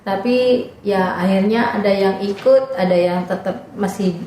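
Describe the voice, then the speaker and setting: A woman's voice: medium pitch, measured pace, mellow. A young woman, a volunteer teacher, telling her experiences in a casual, chatty podcast interview. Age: young adult. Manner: chatty, many fillers, acts out students' voices. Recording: very echoey room with faint noise.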